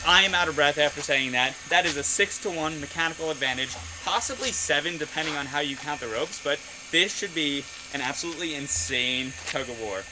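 A man hosting a hobby vlog outdoors, explaining an experiment with energetic, cheerful talk. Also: fairly high pitch, a little fast, few pauses, background noise. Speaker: RC hobby channel host. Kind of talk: excited demo vlog.

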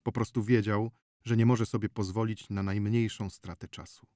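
A man reading an audiobook novel in a measured, steady narration close to the mic. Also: on the low side, no echo.

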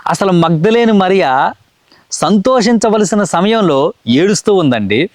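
A man's voice: high voice, animated, measured pace, no echo. Male preacher, earnest building sermon cadence, dry booth sound.

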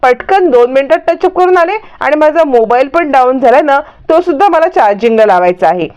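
A woman's voice: high-pitched, lively intonation, a little fast, darkish tone. A woman voicing a suspicious, stubborn young woman in a retold TV serial story. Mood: insistent. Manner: insistent, wary.

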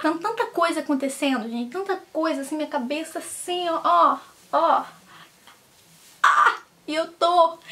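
A young woman venting at home in a vlog, stressed and tearful, swearing and exclaiming. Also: sits high. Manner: upset, swearing, expressive outbursts. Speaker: vlogger. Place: at home, indoors.

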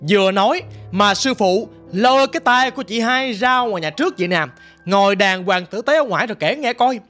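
A man's voice: high voice, expressive, a little fast, a bit bright, faint music behind. Man telling ghost stories. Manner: conversational, colloquial. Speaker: ghost story narrator. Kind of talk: storytelling narration.

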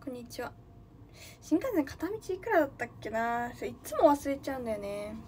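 A woman's voice: high-pitched, big pitch swings, brisk, darkish tone, a little hiss or hum. A young woman from Nagano, chatting casually on a livestream, thinking aloud and greeting viewers often. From Nagano, Japan. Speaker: livestreaming idol.

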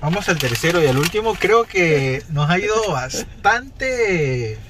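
Sitting in a parked car at night, this man in his thirties unboxes toys for his collector vlog, chatty and upbeat as he addresses viewers directly. He speaks unhurriedly in a slightly high voice with big pitch swings, over a noisy background.

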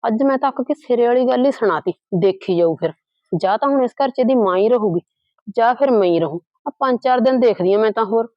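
A woman playing a scheming, sharp-tongued young daughter-in-law who nags and scolds bitterly in a village drama. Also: on the high side, lively intonation, quick pace, dry recording, muffled recording, lightly acted. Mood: grumbling, scheming. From Punjab, India.

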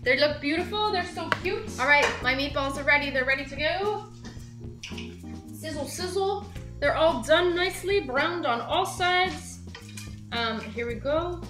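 A young woman with a high voice chats her way through a recipe in her own kitchen, upbeat and direct with the viewer. The room is roomy and echoey, and music plays underneath. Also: unhurried. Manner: chatty, upbeat, talks straight to the viewer. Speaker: cooking show host. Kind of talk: casual cooking demonstration. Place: home kitchen, indoors.

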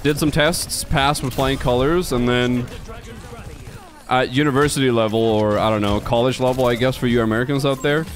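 Faint music plays behind this young Swede, a native Swedish speaker, as he streams a game and talks straight to his chat. He's blunt and profane, keeping things casual, in a mid-range voice with a steady tone at normal speed.

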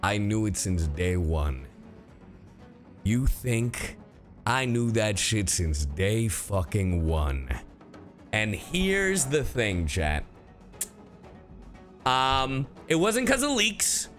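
Soft music plays behind a streamer and voice actor whose fairly low, slightly bright voice swings widely in pitch as he speaks very slowly with frequent pauses. In this casual livestream reaction chat, he talks slangily and emphatically, repeating himself to drive points home.

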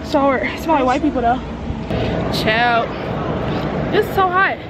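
A woman's voice: high voice, animated, a little slow. A young woman chatting casually to a handheld camera in slangy, exclamatory bursts. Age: young adult. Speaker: vlogger. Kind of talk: casual vlog chat to camera. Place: outdoor lookout, then inside a cave. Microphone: handheld camera at arm's length. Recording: noisy handheld camera, busy crowd.

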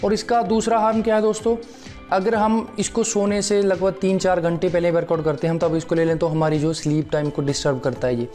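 High-pitched yet dark in tone, his delivery is flat and brisk, with soft music in the background. The young fitness vlogger reviews a supplement to camera from his living room sofa on a lapel mic, friendly throughout and often calling out to viewers as friends.

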